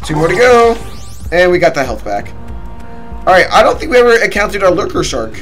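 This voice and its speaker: A man's voice: high voice, big pitch swings, fairly quick, over music. A young man giving casual, slangy, profane gameplay commentary with a teasing manner. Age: young adult. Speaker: game streamer. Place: small indoor room.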